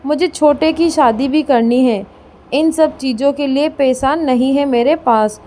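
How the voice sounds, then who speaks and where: A woman's voice: high voice, unhurried, warm tone. A woman voicing a spoiled, tearful young married daughter complaining in a storybook reading.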